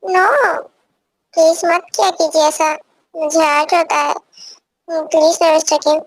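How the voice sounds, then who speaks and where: Young woman playing an innocent shy guy in a fan dub, pleads a lot, high voice, dry. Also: fairly even intonation, unhurried, no echo, poor audio. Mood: pleading. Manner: pleading, plaintive. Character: innocent, timid young man who pleads.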